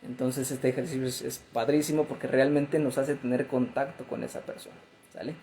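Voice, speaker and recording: A man's voice: medium pitch, little pitch movement, fairly quick, mellow, slight background noise, low-quality recording. A man giving a conversational talk on grief as a therapist, full of fillers and tag questions.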